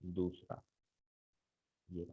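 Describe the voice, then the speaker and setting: A middle-aged man teaching a maths lesson, talking students through each step and checking in with them often. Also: extremely slow. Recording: tinny phone-like sound.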